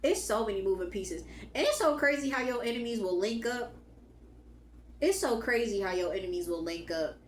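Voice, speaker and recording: A woman whose voice is going hoarse gives an emphatic, casual spiritual pep talk to her viewers. She speaks, repeats her key lines and swears now and then. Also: on the high side, animated, moderate pace, roomy sound, a little hiss or hum. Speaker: spiritual channel host.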